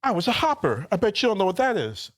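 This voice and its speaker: Guy putting on a drunk bar regular, squeaky high voice, smug and taunting. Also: huge pitch swings, fast. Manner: taunting, talks down to people.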